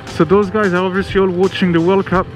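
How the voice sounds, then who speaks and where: High-voiced French-accented man vlogging. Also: level tone, quick pace, faint music behind, poor audio. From France. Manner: exclamatory, enthusiastic. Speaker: motorcycle travel vlogger. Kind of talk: casual vlog commentary while riding, chatting to passers-by. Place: outdoors on a motorbike and at an event ground.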